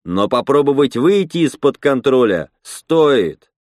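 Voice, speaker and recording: A grave male leader speaking to a crowd in slow, weighed phrases, as a male narrator puts him on. The reading is dry and close, with a lively rise and fall. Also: medium pitch, no echo, pitched above the performer's own voice. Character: male rebel leader Roman, grave measured orator.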